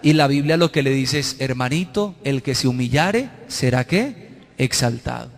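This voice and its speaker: A Colombian man preaching as pastor, animated, quizzing the congregation to finish his sentences and acting out people in mocking voices. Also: mid-range voice, normal speed, gravelly, long reverb tail. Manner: acts out worshippers and quarrelling couples in mocking voices. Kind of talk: sermon.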